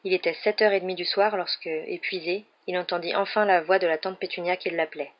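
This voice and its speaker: Audiobook narrator, woman, lowish voice, measured, lo-fi sound. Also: steady tone. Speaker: audiobook reader. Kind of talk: storybook narration. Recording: dull lo-fi recording.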